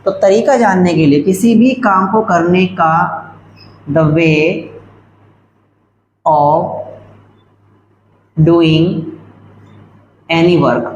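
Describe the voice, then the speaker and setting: A man teaching English grammar in a lecture, dictating example sentences slowly word by word. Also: high-pitched, a little mellow. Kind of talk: classroom-style video lecture. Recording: echoey room, faint background hum.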